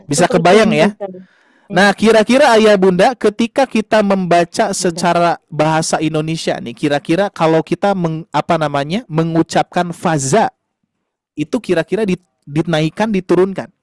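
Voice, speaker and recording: A man with a high-pitched voice teaches a Quran class online at normal speed, in a dry, studio-quality recording. He explains patiently to parents, warmly calling them "Ayah Bunda," with many fillers and tag questions.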